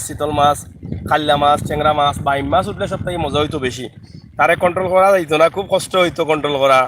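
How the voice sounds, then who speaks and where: A man's voice: on the high side, a bit bright, a little hiss or hum. Chatty Sylheti-accented man filming outdoors. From Bangladesh. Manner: chatty, greets viewers by name. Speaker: vlogger. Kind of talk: live video chat while filming outdoors. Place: riverside village outdoors.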